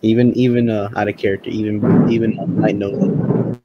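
A man's voice: fairly low pitch, level tone, moderate pace, highs cut off. A man chatting casually over voice chat while playing a game, rambling and laughing, often restarting his sentences. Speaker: voice chat role-player. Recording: faint background noise.

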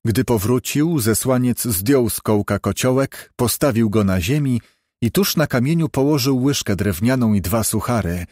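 Mid-pitched male audiobook narrator, steady measured read, dry close sound. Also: no echo. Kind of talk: scripted narration.

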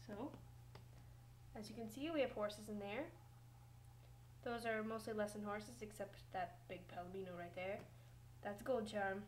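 A woman's voice: mid-range voice, a little mellow, slight background noise, close to an everyday voice, low-quality recording. A teenage girl voicing the man who owns the stable in a doll video, speaking in a matter-of-fact way. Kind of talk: doll video role-play.

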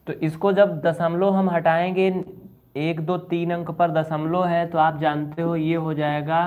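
A man gives a chatty online maths lesson. He scolds his students a little and goes over each step again. The sound is thin and phone-like. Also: fairly high pitch. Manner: chatty, scolding and repeating steps. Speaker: maths teacher.

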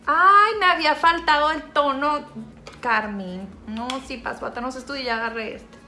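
A woman from Sinaloa, Mexico, speaking with a Sinaloan Mexican Spanish accent, keeps up a playful, teasing chat during her makeup tutorial, mocking herself and talking to an off-camera helper. Her high-pitched voice moves at normal speed over background music.

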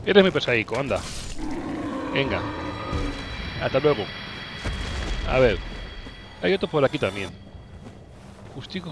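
A young man with a Spain Spanish accent talks through his gameplay in a lively, swooping voice that jumps up at every close call. He teases enemies, yelps and laughs as he plays, with a faint hiss of noise under the voice. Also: medium pitch. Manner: excitable, teasing enemies, frequent yelps and laughs. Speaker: gameplay commentator. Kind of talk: playful let's-play commentary.

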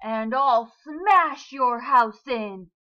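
A woman voicing a menacing, hungry big bad shark, booming slow drawn-out threats in a storybook reading. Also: animated, highs cut off.

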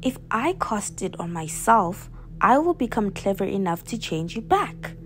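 An eager young witch girl, read by a woman, offers to help her friend. She speaks slowly in a storybook voice with a mellow, lively lilt. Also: mid-range voice, faint music behind. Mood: helpful.

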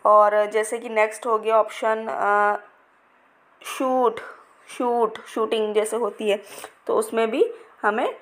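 A woman's voice: on the high side, level tone, unhurried, a bit bright. A woman teacher explaining a phonics lesson to other teachers, stretching words out to demonstrate long and short vowel sounds in a patient, explanatory way.

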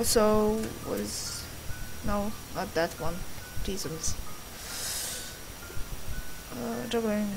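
Over game music, a young woman with a fairly high voice hosts a gaming video, commenting casually on her play in a rambling, sweary, self-deprecating way. The audio quality is poor.

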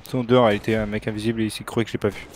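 A young man chatting casually in slang with friends during video games, in an excitable way. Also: lowish voice, very fast, slight background noise. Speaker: video game player. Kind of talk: casual gaming banter with friends. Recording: game music behind the voice. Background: game music and vehicle sounds.

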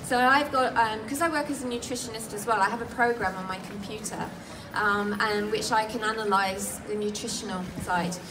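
A woman's voice: mid-range voice, fairly quick, hardly any pauses. An English woman and nutritionist giving a live cooking demonstration at an outdoor festival stall, chatty and explanatory with many ums and restarts. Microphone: filmed from the crowd by a far camera. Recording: distant voice through PA with outdoor noise.

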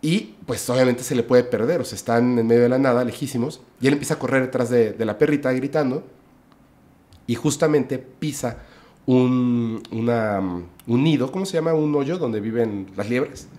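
A man, a podcast guest, telling a story in casual chat, lively, often adding "o sea" and "¿no?". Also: medium pitch, normal speed. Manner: lively retelling, with "o sea" and "¿no?" tags.

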